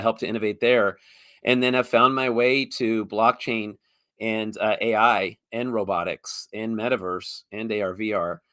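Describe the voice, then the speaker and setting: A man in his fifties speaks as a podcast guest, his low voice slightly hoarse from illness. The sound is dry and close. He rambles with enthusiasm, often repeating words as he builds up a thought. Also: a bit bright, no room sound. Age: 50s. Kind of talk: casual interview talk.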